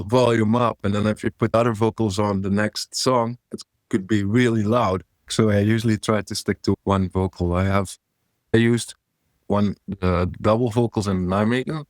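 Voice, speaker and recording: A man guest in a casual interview, talking through his vocal gear in a relaxed, rambling way. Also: lowish voice, dry recording, studio quality.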